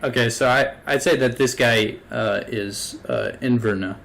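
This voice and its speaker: A man's voice: medium pitch, a little slow, creaky, a bit bright, a little hiss or hum. A man narrating a tabletop game as game master, casual and full of fillers. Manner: casual, hesitant, many fillers.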